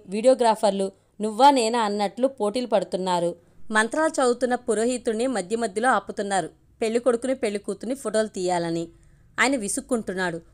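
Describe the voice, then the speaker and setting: A woman with a Telugu accent narrating a family story aloud, voicing the dialogue herself. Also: medium pitch.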